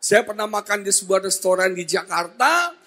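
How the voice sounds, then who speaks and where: A male pastor preaching a lively sermon, joking, often shouting and putting questions to the congregation. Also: sits high, moderate pace, husky. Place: church hall.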